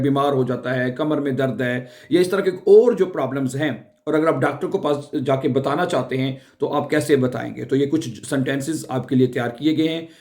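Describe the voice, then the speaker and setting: A man teaching German phrases for a doctor's visit. He says each phrase slowly, repeats it, and often checks in with the learners. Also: mid-range voice, darkish tone. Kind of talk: explaining a language lesson.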